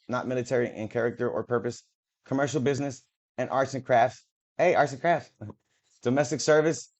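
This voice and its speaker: A man's voice: mid-range voice, a little mellow. Man stumbling through a read-aloud. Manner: halting reading, stumbles and restarts over words, swears in offhand asides. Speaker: video creator. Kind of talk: reading documents aloud with casual asides. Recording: dull lo-fi audio.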